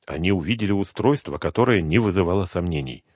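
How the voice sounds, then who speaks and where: Low-voiced male audiobook narrator. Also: animated, quick pace, husky, no room sound, clean studio sound. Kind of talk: scripted narration.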